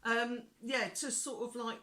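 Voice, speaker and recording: A woman's voice: fairly high pitch, steady tone, unhurried, pushed and bright. A woman chatting casually as a vlog co-host. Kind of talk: casual chat.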